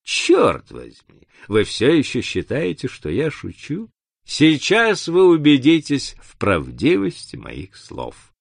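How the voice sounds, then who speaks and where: A man's voice: on the low side, sing-song, a little slow, fairly bright tone, no room sound, exaggerated voice. A man voicing a cunning, cruel male criminal who speaks in a cold, menacing way in an audiobook reading.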